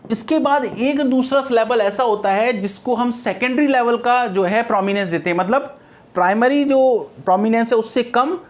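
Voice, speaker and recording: A man's voice: very high voice, normal speed. Male teacher, classroom lecture style; drills key terms and quizzes himself, mixing in English terms. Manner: repeats key terms, asks and answers his own questions; mixes English terms into Hindi explanation.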